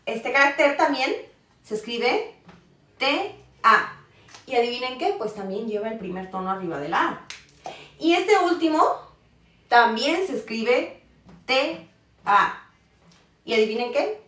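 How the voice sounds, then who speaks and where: Lady teacher explaining slowly, checks in with "ok?" a lot, sounds far off the mic in an echoey room, highish voice. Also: animated, fairly bright tone. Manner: patient, checks in with "ok?" often. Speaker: Mandarin teacher. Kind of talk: live online class. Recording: roomy echo, voice far from the mic.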